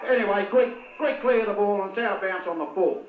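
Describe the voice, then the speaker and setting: A man's voice: high voice, fairly quick. A man giving blunt, partisan commentary on an amateur football match, heckling players by name. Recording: tinny lo-fi old video with echo.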